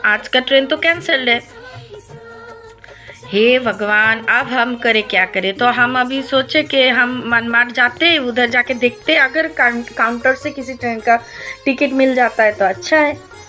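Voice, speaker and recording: Slow, bright-voiced woman telling a story. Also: a little high. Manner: slow, hesitant, with many filler sounds and English words mixed in. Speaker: devotional vlogger. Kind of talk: personal storytelling to viewers.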